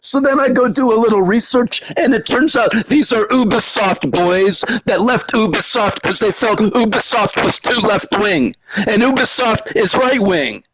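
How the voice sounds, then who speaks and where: An agitated man with a high-pitched voice rants about a game, swearing often and circling back to the same complaints. His voice is heard dry and close, with no room sound around it. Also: unhurried, a bit bright, no room sound, rough recording. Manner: agitated, profane, repetitive ranting. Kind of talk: angry video game rant.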